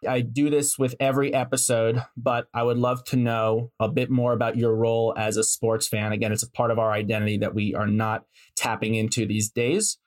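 A man's voice: mid-range voice, level tone, brisk, hardly any pauses. A man hosting a sports podcast, reading a scripted introduction and asking interview questions in an earnest, enthusiastic way. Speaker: podcast host.

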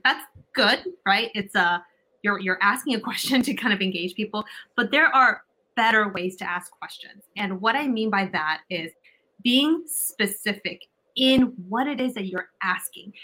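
Bright-voiced woman giving emphatic advice. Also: mid-range voice, animated, normal speed, rough recording. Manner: emphatic, repeats key points; checks in with "right?". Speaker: guest, communication coach. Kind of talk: advice-giving interview answers.

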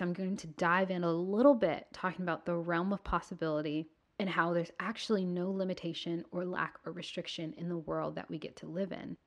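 A woman hosting a motivational faith podcast, speaking directly and casually to her listeners and repeating key words for emphasis. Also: fairly low pitch. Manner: casual, encouraging address to the audience. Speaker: podcast host.

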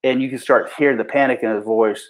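A man's voice: medium pitch, fairly even intonation, quick pace, poor audio. Profane, blunt police officer man. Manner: profane, blunt, restarts sentences often; acts out what people said in raised voices. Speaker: police officer recounting a shooting. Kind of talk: casual storytelling.

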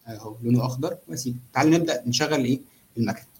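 A man with an Egyptian accent giving a casual live walkthrough as a trader, explaining in an animated way and often checking that the listener follows. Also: mid-range voice, very fast. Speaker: trader demonstrating chart analysis.

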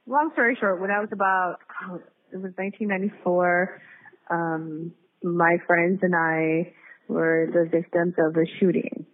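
A middle-aged community activist from San Diego, United States, talks casually as an interview guest, candid and reflective, circling back to rephrase as she tells her story. Her voice is lowish and steady at a measured pace, and the audio is tinny and phone-like.

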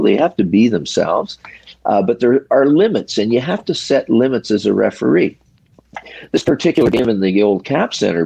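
An older man, a retired hockey referee, telling stories from his career in a casual interview, measured and reflective, in short pausing phrases. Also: lowish voice, vocal fry, darkish tone, breathy edge, no echo.

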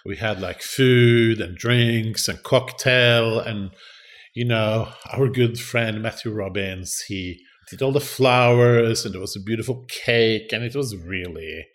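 Expressive fifties man hosting a chat podcast. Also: fairly low pitch, takes it slowly. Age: 50s. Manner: expressive, sighing and laughing, dramatic exclamations. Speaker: podcast host. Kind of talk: casual chat.

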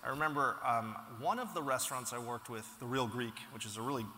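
A man being interviewed as a company founder, telling stories in an animated, casual way with frequent restarts. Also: mid-range voice, fast. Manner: animated storytelling, frequent restarts and "you know". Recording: echoey hall with long reverb.

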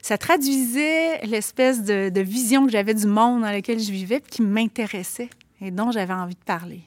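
A woman's voice: mid-range voice, moderate pace, a little mellow, no echo. A middle-aged woman from Quebec City with a working-class Limoilou accent, a guest author chatting in an interview, hesitant and searching with many fillers and restarts, telling stories with life. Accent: Quebec French, Limoilou working-class. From Quebec City, Canada. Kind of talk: casual conversational interview.

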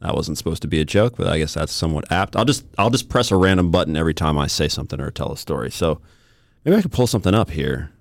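A man's voice: a bass voice, expressive, fast talker, vocal fry, no room sound. A young man hosting a solo podcast from a studio, rambling and joking at himself in an irreverent way. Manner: rambling, irreverent, self-mocking. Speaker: podcast host. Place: recording studio. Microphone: studio microphone.

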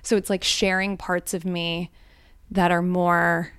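A woman on the hot seat at a live event, telling personal stories in a candid, reflective way with frequent soft ums. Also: on the low side, little pitch movement, takes it slowly, a little hiss or hum. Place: live event before a small audience.

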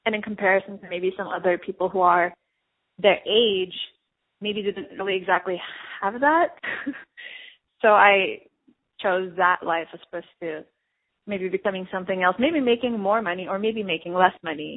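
A woman's voice: medium pitch, moderate pace, husky. A woman from Turkey, an artist, answering interview questions in a reflective, casual way with many fillers and light laughs. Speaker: artist and guest. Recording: narrow phone-like sound.

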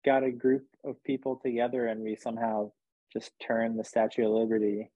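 A husky-voiced man from New Jersey talks in a loose, rambling way, joking and filling gaps with fillers. His voice comes through thin and tinny, like a phone line, with no room sound at all. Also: medium pitch, little pitch movement, brisk, mellow, dry recording. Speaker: musician guest. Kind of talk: casual interview chat.

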